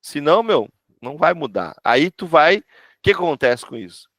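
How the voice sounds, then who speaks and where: A man's voice: a little high, sing-song, moderate pace, fairly bright tone, no room sound. A man from Brazil, a pastor giving an informal church class who talks conversationally, acts out quoted voices and keeps checking for agreement. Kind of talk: informal teaching talk.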